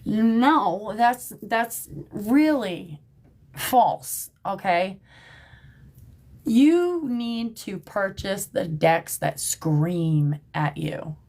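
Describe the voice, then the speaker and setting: A woman's voice: medium pitch, big pitch swings, drawn-out words, darkish tone. A woman talking casually to her livestream viewers from the shop where she works, chatty and emphatic, often checking in with "okay?" and "right?". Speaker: tarot reader and livestream host. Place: at work in a shop. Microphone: phone livestream.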